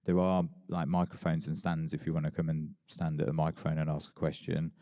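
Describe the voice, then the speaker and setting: A man's voice: a bass voice, flat delivery, brisk, dark tone. A man chairing a conference panel, casual and chatty, self-deprecating, with many fillers. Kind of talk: moderating a panel. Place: conference hall.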